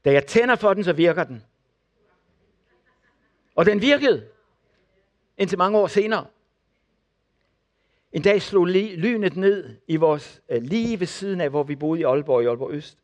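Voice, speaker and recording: A man's voice: high voice, pauses often. An older man preaching, telling testimony stories and acting out the people in them. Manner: animated storyteller acting out the people in his stories. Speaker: preacher and former missionary. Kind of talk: sermon testimony.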